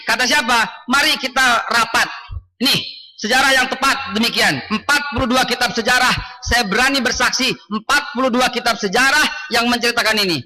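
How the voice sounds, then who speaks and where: A man's voice: very high voice, bright, forceful tone, rough recording. A man preaching a mosque lecture to a congregation, emphatic, with a repetitive chanting cadence.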